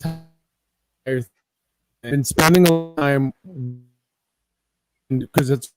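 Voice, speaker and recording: A man's voice: on the high side, fairly even intonation, extremely slow, rough recording. A man chatting casually on a video call about music he has been listening to, his voice cutting in and out as the connection drops.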